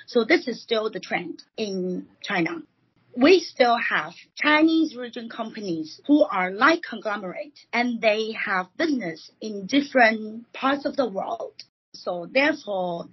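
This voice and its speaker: A woman from Taiwan talks as a guest on a podcast, explaining her points at a measured pace and pausing with frequent fillers. Her voice is strongly breathy and husky. The sound is dull and lo-fi. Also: mid-range voice. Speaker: recruiting consultant guest. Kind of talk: podcast interview.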